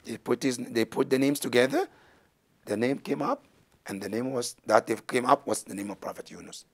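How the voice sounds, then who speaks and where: A man's voice: mid-range voice, normal speed, gravelly, husky. A middle-aged man telling a religious story as a teacher, gesturing and acting out the voices of the people in it, in a small indoor studio on a lapel mic. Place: studio set with banners, indoors.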